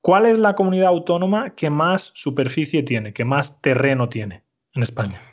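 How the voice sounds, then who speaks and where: Un hombre malagueño con acento andaluz da una clase de español con calma y paciencia. Repite las respuestas y explica cada palabra con claridad. La grabación suena algo apagada, de baja calidad. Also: male voice, a little high, moderate pace, highs cut off. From Málaga, Spain. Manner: clear, patient, repeats and explains words. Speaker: Spanish teacher. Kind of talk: slow explanatory language lesson.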